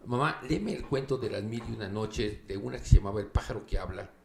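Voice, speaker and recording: A man telling a story in casual conversation, expressive and animated, sometimes acting out the voices of characters. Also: on the low side, fast, gravelly. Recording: echoey room with faint noise.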